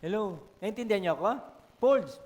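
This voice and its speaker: Filipino man preaching, very high voice, long church-hall reverb, calls out to the congregation. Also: normal speed. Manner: storytelling, code-switching, asks the congregation for responses. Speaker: pastor. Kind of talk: sermon.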